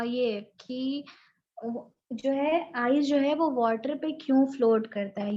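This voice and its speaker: A woman's voice: a little high, darkish tone. A woman teacher giving an online class over a call, checking with her students and using many fillers. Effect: heard over an online call. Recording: dull, lo-fi online call audio.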